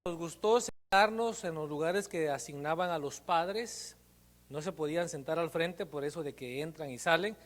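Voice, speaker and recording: A man preaching a sermon as pastor, telling a personal testimony in an animated storytelling way. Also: on the high side, normal speed. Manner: animated storytelling, acts out quotes. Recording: long reverb of a church hall.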